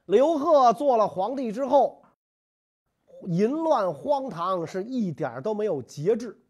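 A host telling Chinese history stories in a colloquial, joking way, with lively asides. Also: mid-range voice, unhurried. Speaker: storyteller host.

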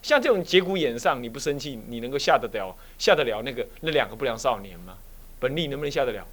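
In a mid-range voice at a quick pace, an abbot with a Taiwanese Mandarin accent gives a dharma talk. He spins lively stories and asks rhetorical question after rhetorical question.

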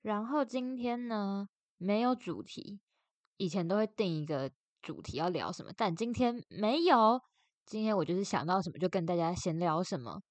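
Young woman, Taiwanese accent, podcast host, casual chatty delivery, slightly slurred by braces, animated intonation, dry close sound. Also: medium pitch, normal speed, no echo. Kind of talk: casual solo chat.

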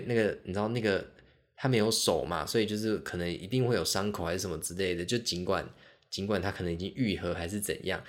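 A man hosting a podcast, telling casual stories in an animated, self-mocking way with many fillers. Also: deep voice. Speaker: podcast host. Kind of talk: casual solo storytelling.

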